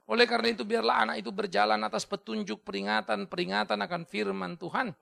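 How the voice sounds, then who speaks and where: A male pastor delivers a sermon in a strongly gravelly, bright and sharp voice that sits high for a man. He swings between loud, pressing exhortation and soft storytelling. He drives home key phrases by repeating them and slips English words into his talk. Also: level tone, quick pace.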